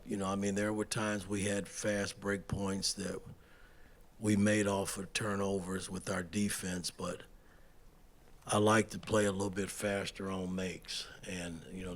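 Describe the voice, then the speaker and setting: A male coach talks off the cuff in an interview. His voice is low and gravelly, with very flat intonation. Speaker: sports coach. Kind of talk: spontaneous interview.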